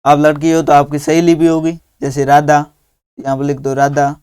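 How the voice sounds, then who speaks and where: A man teaching young children through a workbook, dictating words slowly and patiently one at a time. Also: on the high side, monotone, darkish tone, clear, resonant tone, no room sound, clean studio sound.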